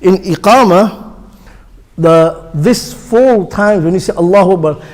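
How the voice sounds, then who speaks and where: A man's voice: high-pitched, measured pace, long reverb tail. A male instructor teaching pronunciation for the call to prayer, patient and repetitive, demonstrating each sound. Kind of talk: classroom instruction. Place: mosque hall.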